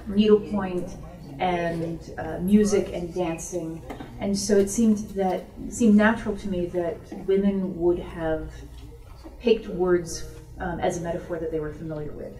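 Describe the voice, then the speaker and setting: A woman author answers audience questions at a bookstore event in an informal, explanatory, conversational manner. Her voice is on the low side, mellow and steady, at a measured pace. A distant microphone picks up the room's roomy echo.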